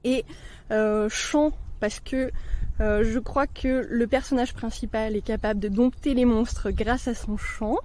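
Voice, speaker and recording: Woman book vlogger, higher mellow voice, relaxed and chatty, outdoors. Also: rough recording. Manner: chatty, relaxed, often pausing mid-sentence. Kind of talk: casual book chat while walking. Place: outdoors on a walk among trees.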